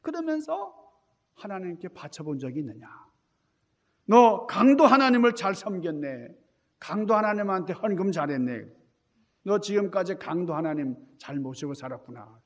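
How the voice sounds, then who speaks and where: A man's voice: sits high, big pitch swings, normal speed. A pastor acting out an angry, scolding old father. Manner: scolding, sarcastic. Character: angry older male church elder rebuking sons. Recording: reverberant church hall.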